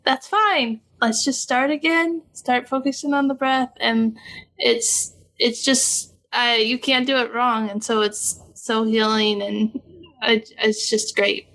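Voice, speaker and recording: A woman with a high voice hosting a podcast interview. She talks casually and brightly, acting out little stories as she tells them. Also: slow pace. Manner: upbeat, animated retelling of stories. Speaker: podcast host.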